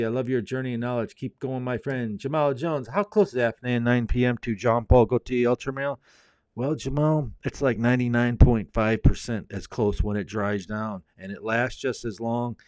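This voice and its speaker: A man's voice: medium pitch, a little mellow, no room sound. A man hosting a fragrance livestream, reading viewer comments aloud and answering them in a laid-back, rambling, chatty way. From Indianapolis, US. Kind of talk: casual live chat reading viewer comments.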